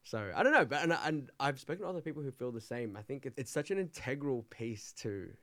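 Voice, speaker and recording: A man's voice: medium pitch, animated, quick pace, bright, forceful tone, no room sound. A man hosting an interview, asking curious, rambling questions in a casual way. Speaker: interview host.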